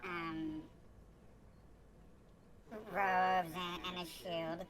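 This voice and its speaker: Woman player speaking through a voice changer, slow and halting, crowd murmur behind. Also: fairly low pitch, flat delivery. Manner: hesitant, halting with fillers. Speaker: tabletop game player. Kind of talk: describing a character in an online tabletop game.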